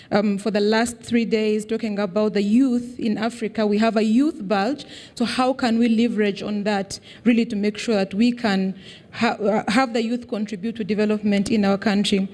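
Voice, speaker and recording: A woman's voice: on the high side, a little mellow. A woman giving a welcome speech at a summit as head of mission, engaging the audience with questions. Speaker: chief of mission. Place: conference hall stage.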